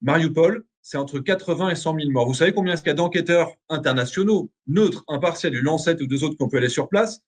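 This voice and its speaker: A man's voice: a little high, fast, hardly any pauses. A man arguing as a debate guest, emphatic and argumentative. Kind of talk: heated televised debate.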